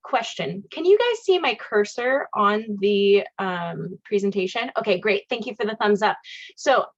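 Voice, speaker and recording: A woman's voice: mid-range voice, expressive, measured pace, muffled recording. A woman teaching an online ear-training class, cheerful and encouraging, singing solfege scales for her students to echo. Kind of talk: online music class, sung demonstrations. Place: video call class.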